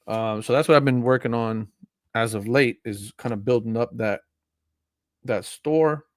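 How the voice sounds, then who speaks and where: A man's voice: medium pitch, a little slow, no room sound, studio quality. Forty-something man rambling on a live stream. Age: 40s. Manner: rambling, frequent fillers and restarts. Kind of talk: casual live stream chat.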